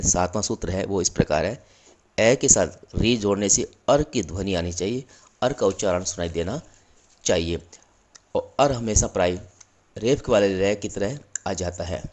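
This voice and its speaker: A male teacher giving a slow, patient classroom grammar lesson, repeating and spelling out each example. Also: fairly low pitch, darkish tone. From India. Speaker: school teacher.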